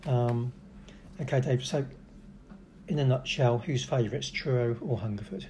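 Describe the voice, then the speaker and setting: A man's voice: medium pitch, moderate pace, darkish tone, a little hiss or hum. A man hosting a casual local football chat, with hesitant restarts and a dry sense of humour. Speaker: club radio host.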